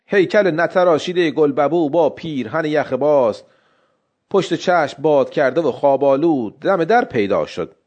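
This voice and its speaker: A man reading a literary story aloud in steady narration. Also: medium pitch.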